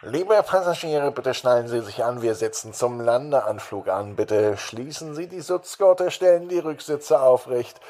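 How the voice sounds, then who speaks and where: A storybook narrator voicing a formal male announcer speaking over a loudspeaker. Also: medium pitch, animated, measured pace, few pauses, voice pushed up. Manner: stiff, formal announcer phrasing.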